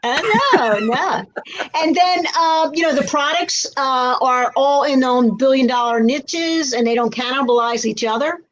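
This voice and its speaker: A woman's voice: sits high, measured pace, rough recording. A woman hosting a casual interview, encouraging her guest with short affirmations. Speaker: host.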